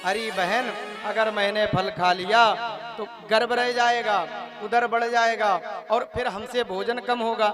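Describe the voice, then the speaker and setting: A man voicing a sharp-tongued, quarrelsome village wife in a sermon story, scolding and indignant. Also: high-pitched, steady tone, measured pace. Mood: complaining.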